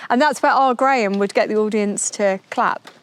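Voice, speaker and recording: A woman's voice: medium pitch, moderate pace. Wry, chatty woman. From Yorkshire. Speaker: guest YouTuber. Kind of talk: casual chat. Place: outdoors at a workshop in the sun.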